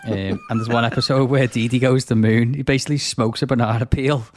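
A man's voice: medium pitch, steady tone, fast, a little hiss or hum. A man co-hosting a casual podcast, reacting bluntly and swearing as he tells stories. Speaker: podcast co-host. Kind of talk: casual chat.

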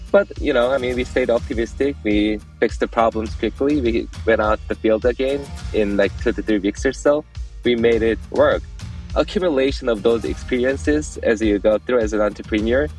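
A man's voice: lowish voice, darkish tone, poor audio. A man from South Korea, a startup founder answering interview questions earnestly. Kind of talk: podcast interview.

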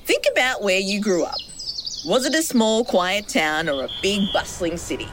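Lively-voiced woman hosting a podcast. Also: mid-range voice, moderate pace, noisy background. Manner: scripted narration with asides and light laughter. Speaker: podcast host. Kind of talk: scripted narration and interview.

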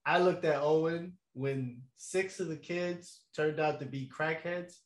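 A man's voice: on the high side, fairly even intonation, unhurried. A young man telling a long story in a casual chat, laid-back and slangy, with lots of fillers and laughs. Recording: echoey room.

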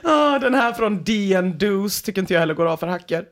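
A podcast host reading listeners' embarrassing stories aloud in a dramatic way, dropping to a hush and then rising again. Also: mid-range voice, expressive. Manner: dramatic reading, swinging between loud and hushed.

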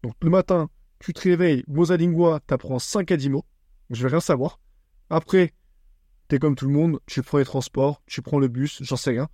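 A young man from France talks straight to the listener in a casual solo podcast, blunt, teasing and full of slang. His voice sits a little high, and the recording is dry and close. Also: normal speed, warm tone, no echo. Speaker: podcast host.

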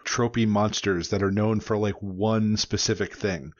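A man with a low voice co-hosts a casual book podcast and rambles, filling his talk with "you know" and "like". His mic sounds slightly dull and dry, with no room sound. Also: steady tone, a little slow, no room sound. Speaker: podcast co-host.

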